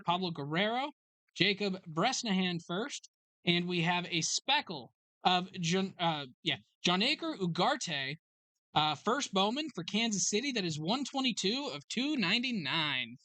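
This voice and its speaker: Bright, dry-voiced card break host. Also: mid-range voice, sing-song, no room sound. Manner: brisk roll call of card names and numbers. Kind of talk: live card break commentary. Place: sports card shop.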